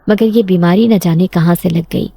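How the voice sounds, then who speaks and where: A woman voicing a sickly, orphaned young male servant who tells his story in a quiet, resigned tone. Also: fairly low pitch, gravelly, husky, no echo. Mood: wistful.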